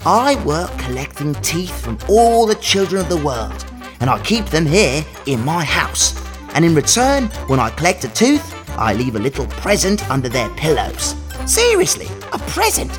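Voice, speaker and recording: An overbright kids' party host of a magical mouse, boastful and gleeful. The pitch swoops wildly in a storybook style, with music behind it. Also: female voice, sing-song, normal speed. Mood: cheerful. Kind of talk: children's storytelling for a listening exercise.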